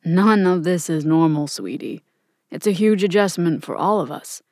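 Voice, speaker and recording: A woman voicing an easygoing middle-aged father who talks casually and gently. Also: on the low side, lively intonation, normal speed, no echo, studio quality. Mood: gentle.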